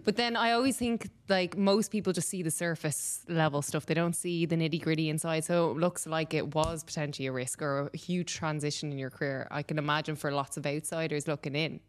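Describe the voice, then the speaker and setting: A woman with a slightly low voice hosting a podcast. She chats in a relaxed, encouraging way and keeps asking her guest follow-up questions. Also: brisk, few pauses. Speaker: podcast host. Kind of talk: casual interview chat.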